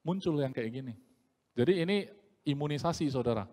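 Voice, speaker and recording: A man preaching a sermon in a lively, joking way, often acting out the voices he quotes. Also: on the high side, a little fast, long reverb tail.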